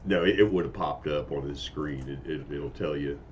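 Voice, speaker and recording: A man co-hosting a casual chat, easygoing and quick to laugh. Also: rumbling low, slight background noise. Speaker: co-host. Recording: dull lo-fi sound, faint ambience.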